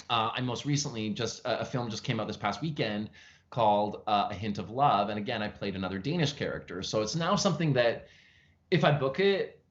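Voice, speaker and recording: A man, an actor, chatting animatedly in a casual interview, telling stories with lively jumps in his voice. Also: on the low side. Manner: frequent fillers and restarts, chatty. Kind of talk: casual interview over video call. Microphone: video call from home. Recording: lo-fi video call audio.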